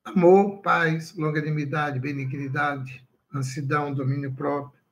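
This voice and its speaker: A man's voice: fairly high pitch, flat delivery, unhurried, poor audio. A man, a pastor preaching a sermon on a livestream and asking his listeners questions.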